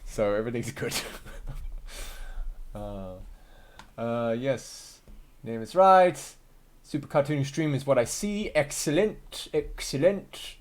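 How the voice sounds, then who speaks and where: A man hosting a live stream, chatting in a rambling, self-mocking way and thinking out loud while he works on his computer. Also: medium pitch, slow, pauses often.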